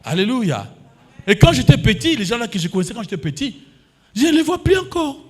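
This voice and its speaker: A man in his fifties preaches with a Congolese French accent, his high voice leaping up and down in pitch. He punctuates the sermon with alleluias and amens and slips into Lingala. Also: big pitch swings, brisk, husky. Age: 50s. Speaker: pastor.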